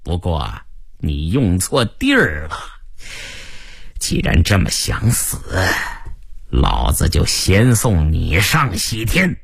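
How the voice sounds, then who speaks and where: Brief: man voicing a swearing gangster, low, slow and gravelly, audio drama story. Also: wildly swooping pitch, dry recording, studio quality, exaggerated voice. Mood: menacing. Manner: swearing, contemptuous threats. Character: menacing armed gangster man, coarse and cruel.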